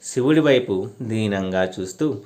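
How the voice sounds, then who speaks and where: A man narrating a devotional story in an earnest, steady storytelling manner. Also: fairly low pitch, unhurried.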